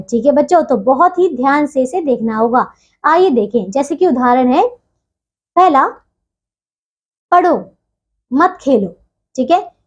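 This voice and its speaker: High-voiced woman teaching children Hindi grammar. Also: darkish tone, muffled recording. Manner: patient, keeps asking "theek hai bachchon?"; leaves deliberate pauses between phrases. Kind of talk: classroom lesson for children.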